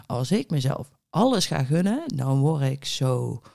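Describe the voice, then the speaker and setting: A woman hosts her own podcast as a diet coach, talking straight to the listener in a loose, chatty monologue. Her voice has a gravelly, fry-tinged edge. She is blunt, swears now and then, and acts out the listener's inner thoughts. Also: a bass voice, very animated, measured pace, dark tone. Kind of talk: casual solo podcast monologue.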